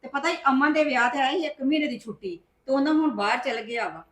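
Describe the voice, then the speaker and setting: Coaxing high-voiced woman. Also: quick pace. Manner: coaxing, persuasive. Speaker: actor in a family skit. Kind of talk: scripted Punjabi family drama.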